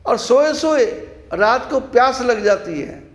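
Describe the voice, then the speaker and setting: A man's voice: extremely high pitch, animated, slow pace. A man giving a devotional discourse as a spiritual teacher, telling stories and asking rhetorical questions with repeated phrases.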